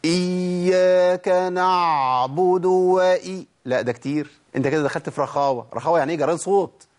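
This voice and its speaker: A man with an Egyptian Arabic accent teaching Quran recitation, asking questions and answering them himself, and drawing out sounds slowly to demonstrate them. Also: a little high, a little mellow. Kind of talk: spoken lesson on pronunciation.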